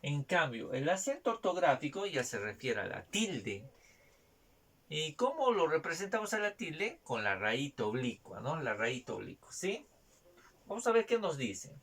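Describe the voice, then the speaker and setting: A man teaching a spelling lesson, repeating each point and checking in with quick tag questions. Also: a little high, sing-song, fairly bright tone, breathy edge. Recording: distant mic, faint noise.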